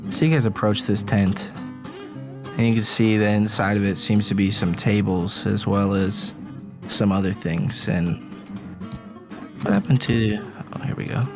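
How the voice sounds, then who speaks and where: A man's voice: fairly low pitch, steady tone, unhurried. A man running a tabletop game as dungeon master over a voice call, casual and swearing. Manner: casual and swearing, laughing often. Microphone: computer mic on a voice call. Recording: music playing clearly behind. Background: guitar music.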